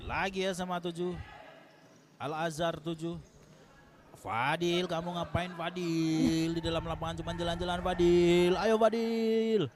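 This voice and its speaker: Higher-voiced Indonesian man calling futsal. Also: level tone, a little slow. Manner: playful, teasing players by name. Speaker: futsal commentator. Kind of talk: live play-by-play sports commentary.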